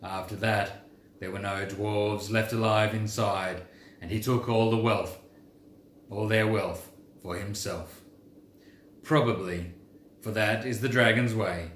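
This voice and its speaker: A man voicing Thorin, a proud old dwarf king, in a deep voice with a slow storytelling cadence. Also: steady tone, a bit bright. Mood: grim. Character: proud old dwarf king recounting his people's loss. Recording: roomy with faint background noise.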